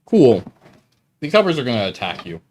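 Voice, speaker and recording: A young man running a tabletop game as its game master. His voice climbs and dips all over the place, and he slows right down for the dramatic bits. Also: mid-range voice. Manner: lively, drawn-out dramatic narration.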